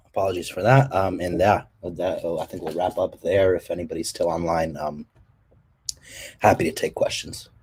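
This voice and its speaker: A man presenting his company's standards work and answering questions, speaking haltingly with many fillers and restarts. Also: low voice, expressive, pushed and bright, a little hiss or hum. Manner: halting, many ums and restarts, coughs between phrases. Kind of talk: technical presentation and Q&A.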